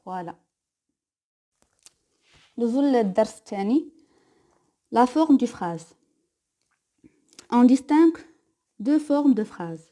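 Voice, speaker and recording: A woman from Morocco with a Moroccan accent, teaching a grammar lesson. She reads each example slowly and twice, then explains it quickly. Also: on the high side, lively intonation, mellow. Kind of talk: grammar lesson mixing Moroccan Arabic and French.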